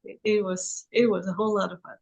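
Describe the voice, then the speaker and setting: A singer-songwriter woman from Sweden, a guest in an interview, who talks slowly and haltingly with many restarts. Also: mid-range voice, flat delivery, creaky, a little mellow, husky, poor audio.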